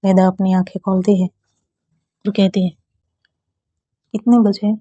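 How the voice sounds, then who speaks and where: A woman narrating a romance story in a calm, unhurried reading. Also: medium pitch, husky, no room sound, dull audio.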